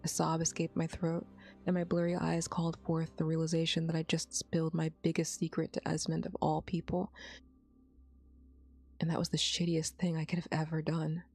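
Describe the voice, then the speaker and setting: A woman's voice: low-pitched, completely flat delivery, moderate pace, a little mellow, husky, soft background music. A woman streamer reading a story aloud in first person, adding casual asides to her audience. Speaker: VTuber story reader.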